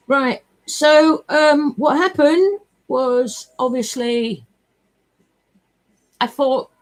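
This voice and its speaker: Brief: woman, husky, unhurried, emotional and rambling, salty language. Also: mid-range voice, darkish tone. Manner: emotional, rambling, swears freely. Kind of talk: rambling personal monologue.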